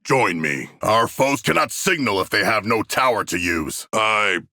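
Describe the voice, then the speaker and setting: An actor playing a huge, noble, battle-hungry shark warrior in a video game, speaking in formal, literal-minded, grandiloquent language with a rough gravelly voice. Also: male voice, on the low side, expressive, a little slow, sharp tone, no room sound, studio quality, full character voice. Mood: proud, measured. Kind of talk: video game character voice lines.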